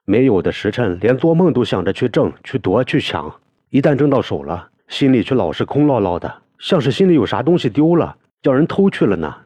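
A deep-voiced man reading a novel aloud, voicing a young man who is choked with tears and speaks in halting, broken phrases. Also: big pitch swings, warm tone, no echo. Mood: tearful. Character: young man, weeping, torn up over family.

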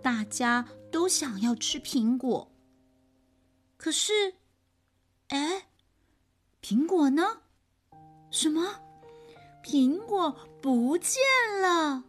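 Animated woman reading a kids' story. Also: sits high, extremely slow, pauses often, soft background music. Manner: animated, gentle, addresses the child warmly. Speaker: storyteller for children.

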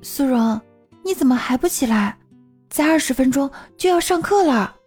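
A woman's voice: mid-range voice, lively intonation, moderate pace, a little mellow, soft background music, close to an everyday voice. A woman voicing a young classmate who coaxes a friend out of bed. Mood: coaxing. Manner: coaxing, firm. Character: caring, bossy young classmate.

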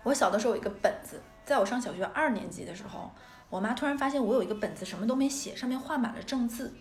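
A woman from northeast China hosting a podcast, telling childhood stories in a casual, animated way and laughing often. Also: a little high, rapid-fire, faint music behind. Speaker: podcast host. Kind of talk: casual storytelling chat. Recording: roomy echo.

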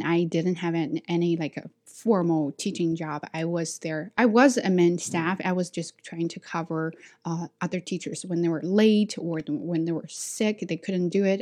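An English teacher from China tells casual personal stories in a Chinese accent, talking through her experiences with frequent restarts and filler words. Her voice is fairly low and a little mellow.

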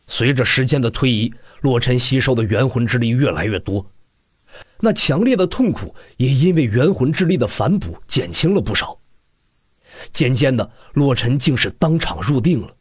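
Husky, animated male audiobook narrator. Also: medium pitch, dry recording, studio quality. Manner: animated storyteller, rising and falling delivery. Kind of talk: serialized web novel narration.

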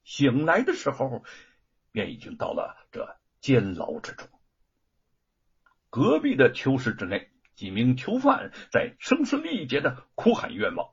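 Husky, theatrical male storyteller. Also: medium pitch, wildly swooping pitch, unhurried. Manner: theatrical, swooping delivery. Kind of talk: dramatic storytelling narration. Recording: dull lo-fi recording.

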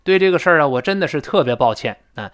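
A male English teacher walks through intonation in an audio lesson, demonstrating each sound himself. His voice sits a little high and swings widely in pitch. The tone is smooth and resonant. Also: fast. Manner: lively explanatory teacher who demonstrates the sounds he describes.

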